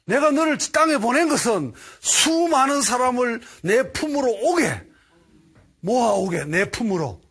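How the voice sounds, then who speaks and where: A man's voice: very animated, unhurried, fairly bright tone, husky, full character voice. A man voicing God as a thundering deity who rebukes sharply. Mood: rebuking. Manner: booming, scolding.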